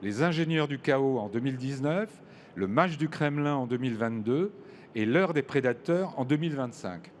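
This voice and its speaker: Male panel moderator, formal and measured, mid-pitched, faint noise behind. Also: lively intonation. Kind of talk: moderating a live panel discussion. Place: large hall at a public event.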